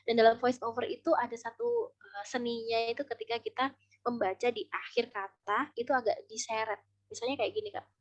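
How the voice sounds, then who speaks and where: A woman's voice: fairly high pitch, fairly even intonation, brisk, dry recording. A woman speaker in a webinar, explaining public speaking and voice-over tips with demonstrations. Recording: dull online call audio.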